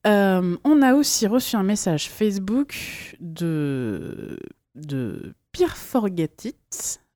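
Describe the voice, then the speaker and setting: Mellow-voiced woman podcast host. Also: mid-range voice, very animated, slow pace, dry recording. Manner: reads listener mail, rambling with fillers. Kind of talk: casual chat.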